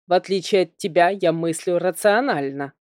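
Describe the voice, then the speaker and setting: A woman's voice: on the low side, moderate pace, darkish tone, no room sound, clean studio sound, lightly acted. A woman reading an audiobook, voicing a snide, irritable young prince who sneers.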